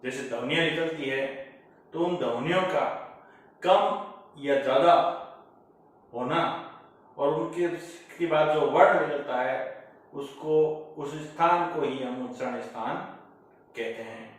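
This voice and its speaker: Slow-spoken male teacher in echoey room. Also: medium pitch. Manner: slow, deliberate, spells out each part. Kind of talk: slow classroom lecture. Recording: echoey room, voice far from mic.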